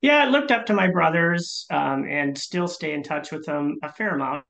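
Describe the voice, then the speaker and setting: Gravelly middle-aged man remembering his childhood. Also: fairly high pitch, normal speed. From Minnesota. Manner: relaxed, reflective, many "um"s. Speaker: leadership coach, guest. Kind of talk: casual interview. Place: home office. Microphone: video call.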